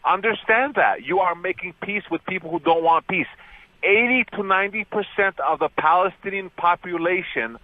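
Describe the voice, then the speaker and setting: A man's voice: high-pitched, moderate pace, dry recording. A man from Brooklyn calling a talk radio show, speaking passionately and insistently. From Brooklyn, New York. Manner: passionate, insistent, keeps asking "okay?". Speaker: caller. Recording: muffled phone call.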